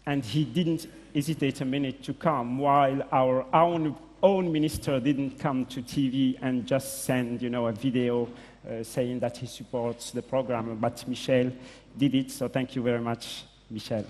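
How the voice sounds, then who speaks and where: A man from Morocco, giving a formal introduction speech at a conference, halting with many fillers and self-corrections. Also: medium pitch, steady tone, a little mellow. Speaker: conference speaker introducing a guest. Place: large conference hall. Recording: long hall reverb.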